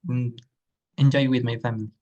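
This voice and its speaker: This Ecuadorian exam candidate stumbles through practice test answers, filling pauses with ums and uhs and slowing as he hunts for the right word. His mid-range voice has a dark tone and fairly even intonation, captured on dull-sounding audio.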